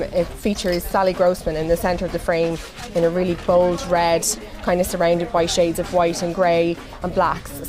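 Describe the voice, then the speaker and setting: An Irish woman fashion designer giving interview answers about her work. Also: on the low side. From Ireland. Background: music.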